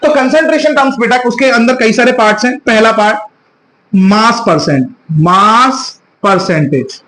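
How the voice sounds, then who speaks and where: A man teaching a chemistry class in with terms. He asks the students questions and answers them himself, and stretches out key terms slowly. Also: very high-pitched, a bit bright, echoey room, slight background noise, rough recording. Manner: drawn-out, slow spelling of key terms. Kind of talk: online class lecture.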